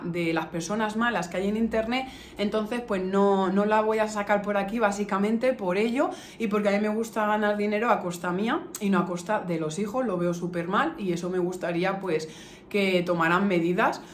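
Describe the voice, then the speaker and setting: With a lowish voice and a Castilian La Mancha accent, a woman from Albacete, Spain, in her early thirties, talks to camera as a beauty vlogger. She answers her viewers' questions warmly and casually, repeating things for emphasis, in an echoey room with a little background noise.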